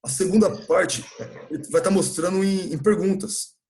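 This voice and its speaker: A man's voice: high-pitched, a little slow, a little mellow. A Brazilian man teaching an English class in a church classroom, patiently explaining grammar and often checking with his students.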